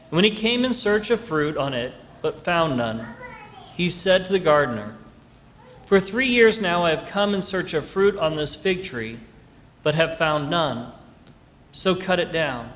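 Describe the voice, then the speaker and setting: A man's voice: a little high, a bit bright. A man serving as priest, reading the Gospel and preaching a homily in an earnest, emphatic way, his voice carried by a cathedral echo in a large church. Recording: long reverb of a large church.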